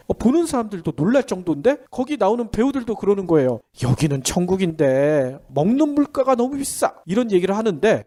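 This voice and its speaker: A man's voice: high-pitched, mellow. A man with a nasal, pinched-nose voice congested by a head cold, hosting a conversational economic briefing in a chatty, explanatory way with questions he answers himself. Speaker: economic news podcast host.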